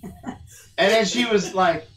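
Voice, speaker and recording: Man guest, loud and animated storyteller, roomy distant sound. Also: high voice, slow pace. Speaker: homesteading channel guest. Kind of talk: casual chat.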